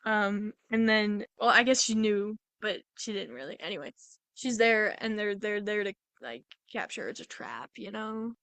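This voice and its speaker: A young woman co-hosting a podcast, chatting casually and rambling through a movie plot, acting out characters in quick quotes. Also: medium pitch, animated, fairly bright tone, smooth, no room sound. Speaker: podcast co-host. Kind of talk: casual movie review chat.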